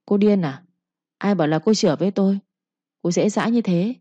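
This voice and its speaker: Trung brushes off his lover, fast and contemptuous, voiced by a woman narrator. A young village man with a cold, dismissive manner, heard through a warm but dull lo-fi recording. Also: on the low side, dry recording, close to an everyday voice.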